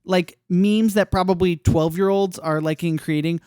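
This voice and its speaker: A man with a high, smooth, clear voice co-hosts a casual podcast chat. He jokes and hammers his points with animated emphasis, close-miked in a dry room. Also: moderate pace, dry recording. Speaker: podcast co-host.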